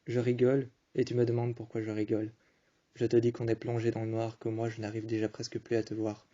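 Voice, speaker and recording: A man tells a tender story straight to a listener, calm and unhurried. His voice is low and mellow and stays almost level, and he often stops to repeat or restart a phrase. The recording sounds dull and muffled. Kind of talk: improvised second-person romantic storytelling.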